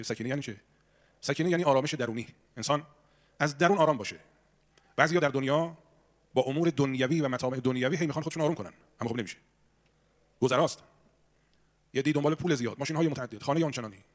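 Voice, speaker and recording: A man leading prayers and preaching a sermon in a shrine hall, who asks rhetorical questions and builds his emphasis as he goes. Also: medium pitch. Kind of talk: sermon before congregational prayer.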